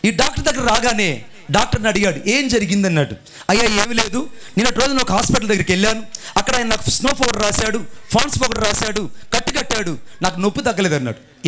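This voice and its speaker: A male pastor preaching a sermon, telling a story and calling on the congregation to answer and clap. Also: high-pitched. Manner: animated preaching with audience call-and-response.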